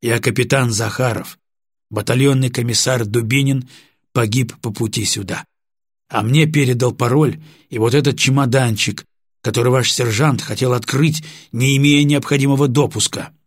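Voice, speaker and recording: Guy doing a stubborn pilot captain, short and defiant, husky. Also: medium pitch, fairly even intonation, normal speed, dry recording, clean studio sound, lightly acted. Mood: calm. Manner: hoarse, terse, defiant. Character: beaten male combat pilot captain, proud and stubborn.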